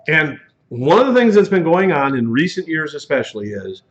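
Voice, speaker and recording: A man's voice: a little high, lively intonation, measured pace. A man teaching a truck driving class in a conversational lecture style, telling cautionary stories and acting out the dialogue in them. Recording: dull lo-fi classroom recording.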